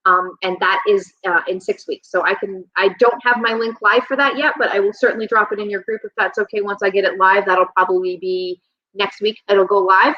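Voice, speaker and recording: A woman in her thirties, a health and nutrition coach talking as a guest in a relaxed interview, reflective and rambling with frequent ums. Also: mid-range voice, fairly quick. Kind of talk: casual conversational interview. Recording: slightly dull, lo-fi sound.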